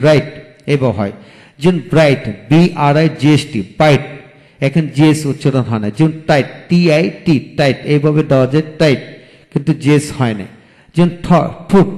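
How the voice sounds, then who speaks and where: A male English teacher giving a recorded video lecture, spelling each word letter by letter and then repeating it slowly. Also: on the high side, darkish tone, in a large hall.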